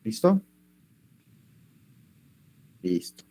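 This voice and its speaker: Speaking very slowly in a dark tone, with no echo, a man teaches a language lesson online through his computer microphone. He goes patiently step by step, stopping often to confirm the students are keeping up.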